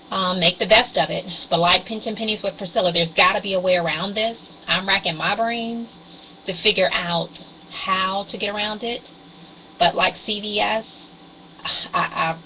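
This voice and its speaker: A woman's voice: on the low side, lo-fi sound, a little hiss or hum. A woman in her forties vlogging about couponing over a webcam in a rambling, hesitant way with frequent ums, her voice carrying fuzzy distortion. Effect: fuzzy distorted webcam audio. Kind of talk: casual rambling explainer.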